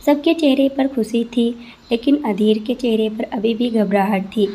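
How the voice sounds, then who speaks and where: A woman narrating a scripted story as a storyteller, in an even, expressive manner. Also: fairly high pitch, measured pace.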